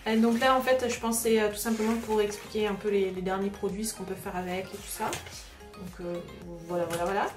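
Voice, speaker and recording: A woman with a mid-range, steady voice speaks briskly while hosting a casual craft unboxing vlog, chatty and hesitant with lots of filler sounds. She's recorded from a distance in a roomy, echoey space, with background music playing behind her.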